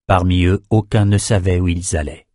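A man narrating a fantasy novel as an audiobook in a measured, even storytelling manner. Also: sits low, no echo, clean studio sound.

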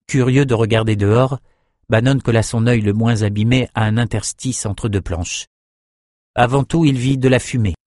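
A man narrating a fantasy audiobook in a steady, measured way. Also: medium pitch, no echo, clean studio sound.

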